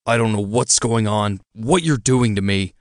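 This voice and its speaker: A man's voice: fairly low pitch, normal speed, no room sound, studio quality, pitched below the performer's own voice, natural voice. A man doing a defiant young college guy. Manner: angry, defiant, snarling.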